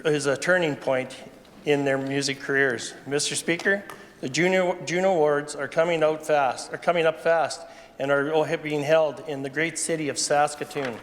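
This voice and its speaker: A Canadian legislator, a man with a fairly high voice, reads a formal statement and trips over words now and then. The chamber around him has long reverb. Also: steady tone, moderate pace. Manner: stumbles over his reading. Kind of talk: formal prepared parliamentary statement. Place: large indoor legislative chamber. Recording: reverberant chamber with faint noise.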